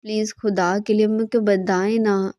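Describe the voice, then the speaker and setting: A woman's voice: mid-range voice, flat delivery, mellow, dry recording, lightly acted. A woman voicing a desperate, tearful young woman who begs to be believed, recorded dry and close. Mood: pleading. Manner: pleading, begging.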